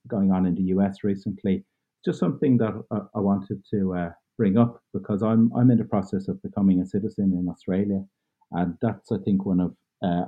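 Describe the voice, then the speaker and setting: This is a husky, low-sitting voice belonging to a man from Ireland in his thirties. As a podcast guest he offers reflective interview answers, earnest and thoughtful, with loose wording and plenty of fillers, all heard through a tinny phone-like connection.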